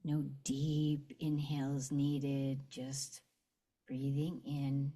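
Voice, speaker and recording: Leading a visualization meditation, a woman speaks gently and very slowly in a low, mellow voice. Short phrases are followed by long pauses as she guides the listener.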